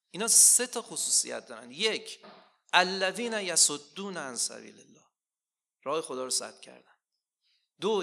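Gravelly, bright-voiced male preacher. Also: medium pitch. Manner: rhetorical questions, slow quoting of scripture, rising emphasis. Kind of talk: sermon.

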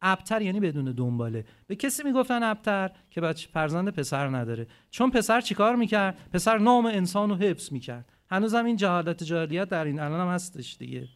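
A man giving a religious talk to a gathering, animated, swinging between loud emphatic phrases and quiet asides, and asking his listeners rhetorical questions. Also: high voice, few pauses. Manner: asks the audience rhetorical questions. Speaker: preacher.

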